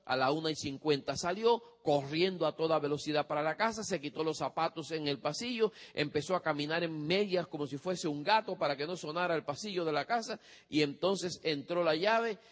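Male preacher, fairly high voice, storytelling sermon in a reverberant hall. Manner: storytelling with acted-out quotes and audience questions. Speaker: preacher giving parenting advice.

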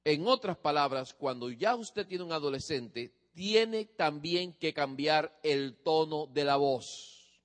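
A man with a fairly high voice lectures a live audience, pausing to put questions to them. His voice carries a long reverb in a large hall. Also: lively intonation. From from a different country than his audience. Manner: engages listeners with questions. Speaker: speaker on parenting teens.

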